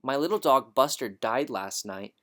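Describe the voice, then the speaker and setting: Storybook teacher, sad and soft, played by a man. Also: medium pitch, expressive, lightly acted. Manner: quiet, slow.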